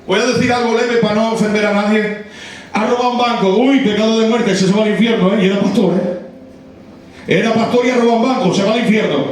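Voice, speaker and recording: A man preaches a sermon in a very high voice, driving home points with repetition and bursts of shouting. He is picked up from well away from the mic, and the church hall around him rings with heavy echo. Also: far from the mic. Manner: impassioned, rising to shouted, repetitive emphasis.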